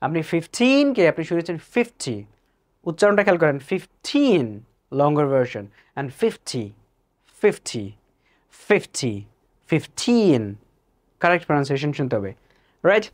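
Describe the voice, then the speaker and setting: Brief: Bangladeshi-accented English teacher, mid-pitched voice, slow, careful reading of example sentences, joking asides. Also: big pitch swings. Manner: reads English examples slowly, mixes English into Bangla, playful asides. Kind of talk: spoken English lesson.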